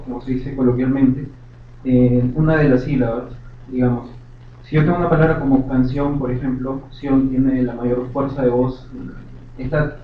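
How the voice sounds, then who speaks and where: A man with a Peruvian Spanish accent adds a clarification from the audience, explaining step by step with examples. His voice sits at an ordinary pitch, and he is heard from a distance in a very echoey auditorium. The recording is thin and phone-like, with faint background noise. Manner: didactic, uses examples, careful distinctions. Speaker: audience member adding a clarification. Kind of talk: explanatory comment from the floor. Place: university auditorium.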